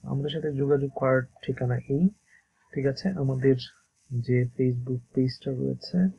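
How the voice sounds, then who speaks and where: A man, teaching English pronunciation in a slow, halting way, repeating words to demonstrate them. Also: mid-range voice, fairly even intonation, gravelly, warm tone, breathy edge. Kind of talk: course promo and pronunciation lesson. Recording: dull lo-fi sound.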